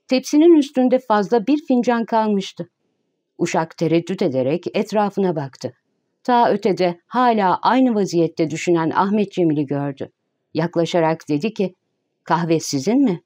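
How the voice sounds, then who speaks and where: Female audiobook narrator, steady measured reading, low warm voice. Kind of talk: scripted narration.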